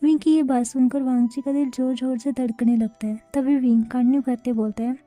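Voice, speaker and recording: Female storyteller, warm mellow voice a touch high, even steady retelling, dry close recording. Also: fairly quick, no echo, faint music behind. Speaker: story narrator. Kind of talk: storytelling retelling of fan fiction.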